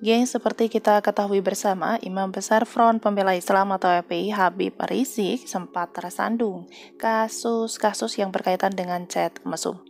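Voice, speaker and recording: A woman's voice: medium pitch, fairly even intonation, normal speed, creaky, a little mellow, faint music behind. A woman hosting a news channel, reading the news in a chatty way and addressing her listeners informally. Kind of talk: casual news narration.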